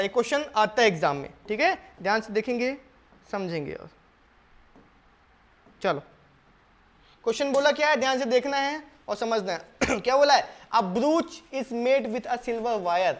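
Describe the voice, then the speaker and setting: A man's voice: very high voice, lively intonation. A man teaching a board exam maths lesson step by step. He asks his students questions, answers them himself, repeats key steps and calls them "beta" in a patient, coaxing way. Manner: reads the English question slowly, word by word.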